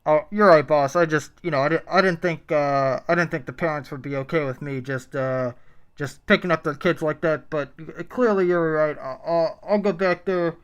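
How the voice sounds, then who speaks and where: A man voicing an indifferent, stoned young male drive-thru worker, halting and full of uhs, as if heard through a drive-thru speaker. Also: fairly high pitch, smooth. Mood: dazed apologetic. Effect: tinny drive-thru speaker voice. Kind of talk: improvised podcast comedy bit.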